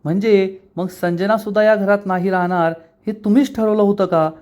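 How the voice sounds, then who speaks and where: A man voicing a defiant, sharp-tongued young woman as he retells a TV episode. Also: high voice, steady tone, normal speed, pitched above the performer's own voice, lightly acted.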